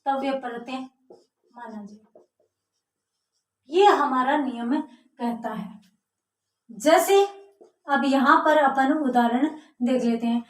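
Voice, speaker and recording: A woman's voice: high-pitched, slow pace, pauses often, far from the mic. A woman teaching a grammar lesson, explaining step by step and answering her own questions. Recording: echoey room, voice from off mic.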